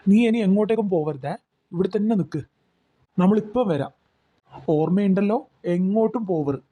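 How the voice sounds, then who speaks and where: Man doing fed-up young cartoon friend, scolding, bossy instructions, high voice. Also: animated, normal speed, dull audio. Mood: exasperated. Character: exasperated young man minding his clueless friend.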